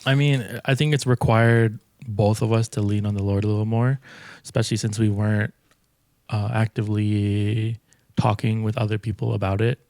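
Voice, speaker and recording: A young man co-hosting a casual faith-based chat, talking in a relaxed, reflective way and often restarting his sentences. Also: fairly low pitch, normal speed, no echo. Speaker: co-host.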